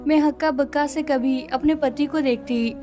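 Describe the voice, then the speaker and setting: High-voiced woman narrating a sad story. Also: steady tone, moderate pace, mellow, soft background music. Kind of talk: scripted first-person story narration.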